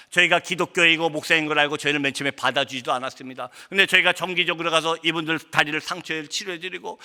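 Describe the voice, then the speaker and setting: High, bright-voiced preaching man in a reverberant hall. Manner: impassioned storytelling, acts out his own angry outbursts. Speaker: missionary pastor. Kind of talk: sermon testimony. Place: church sanctuary. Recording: long church hall reverb.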